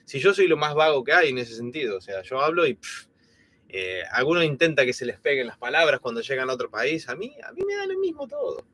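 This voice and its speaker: Co-hosting a live stream, this thirty-something from Argentina chats casually, full of fillers and restarts, his Argentine Spanish accent softened after years living in Spain. His medium-pitched voice swings widely and moves at a brisk pace.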